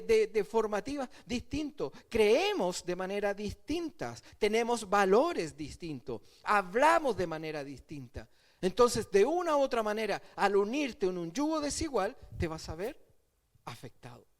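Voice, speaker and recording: A male pastor, preaching a sermon in a conversational way and often checking that the congregation follows. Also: high voice.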